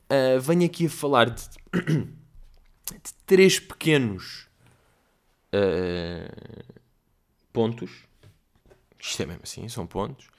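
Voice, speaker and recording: Male host with a European Portuguese accent, casual solo storytelling, chatty and slangy, mid pitch. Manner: loose and chatty, full of slang fillers. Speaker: podcast host.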